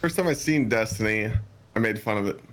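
A man's voice: fairly low pitch, lively intonation, fairly quick. A man from Cleveland, Ohio, a streamer guest on a podcast, telling stories in a laid-back way with loose slang and chuckles. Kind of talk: casual storytelling.

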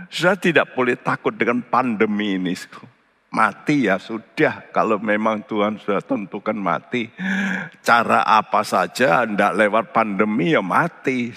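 Male pastor, slow delivery, gravelly voice, sermon in a large echoing church hall. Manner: slow, swooping into high animated voices for anecdotes. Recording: long hall reverb.

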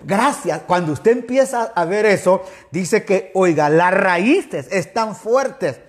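A man from Ecuador delivers a fervent sermon in a high voice. He speaks straight to his listeners and breaks into frequent exclamations. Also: animated, slow pace. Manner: fervent, addresses listeners directly, exclaims often. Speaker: preacher.

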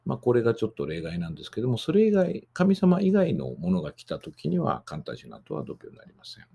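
A man's voice: mid-range voice, huge pitch swings, fast, creaky, dark tone, breathy edge. A man hosting a podcast lecture on singing diction, explaining rules patiently with frequent fillers. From Japan. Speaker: voice teacher and podcast host.

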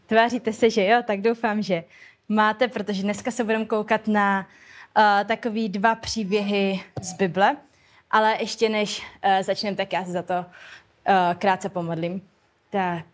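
A woman's voice: medium pitch, little pitch movement. A woman preaching an informal sermon at a church service and leading a prayer, speaking conversationally with many hesitations and colloquial phrasing.

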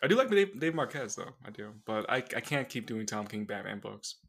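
A man's voice: on the low side, fairly quick, vocal fry, husky. A young man co-hosting a casual comics podcast, telling stories with lots of energy. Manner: animated storyteller, does mocking voices. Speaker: podcast co-host.

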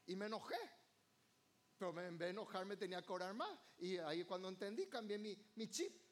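High-pitched fervent preacher man. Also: expressive, fairly quick. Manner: fervent preaching with call-and-response to the congregation. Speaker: pastor. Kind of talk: evening sermon. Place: church service.

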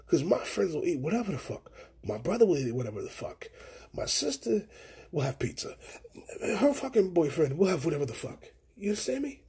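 A man's voice: on the high side, vocal fry, darkish tone, husky. A young man hosting a solo podcast, telling long rambling stories in casual, profane slang. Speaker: podcast host.

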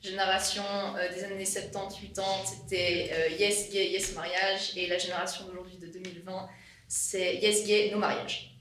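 A nineteen-year-old man with a Swiss French accent giving strong opinions in a roundtable, halting with fillers and laughing. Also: high voice, level tone, pushed and bright. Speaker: youth group assistant leader. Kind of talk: casual roundtable discussion. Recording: roomy, distant mic, faint noise.

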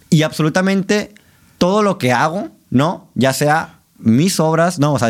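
A man with a Mexican accent chats on a podcast, his voice sitting a little high. He talks loosely and animatedly, peppering his sentences with slang and tag questions. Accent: Mexican Spanish. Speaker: director and teacher, podcast guest. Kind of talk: casual podcast chat.

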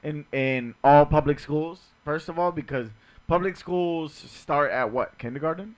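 A man's voice: a little high, a little slow. A man co-hosting a casual podcast chat, talking in loose slangy banter and swearing freely. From Dominican family ties. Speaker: podcast co-host.

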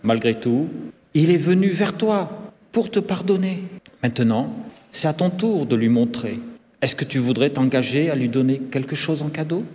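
A man voicing a kind, patient male schoolteacher who speaks gently and calmly. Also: on the high side, moderate pace, natural voice. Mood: gentle. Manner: gentle, calm, guiding. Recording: long hall reverb.

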